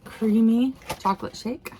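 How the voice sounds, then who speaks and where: A woman vlogger talking casually and gushing with excitement, laughing often as she goes. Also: fairly high pitch, measured pace, noisy background. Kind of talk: casual unboxing vlog.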